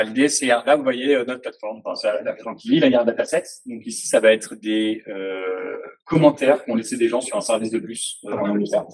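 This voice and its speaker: A man's voice: mid-range voice, darkish tone, husky, poor audio. A man giving a casual technical presentation, hesitant, with many fillers and restarts. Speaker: presenter at a tech talk.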